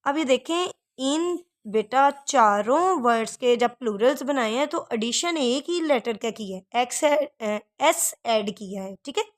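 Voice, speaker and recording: A woman teacher giving a recorded English lesson, patiently drilling word endings by repeating each word slowly. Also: fairly high pitch, expressive. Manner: patient, calls the learner "beta", drills words by repeating them slowly.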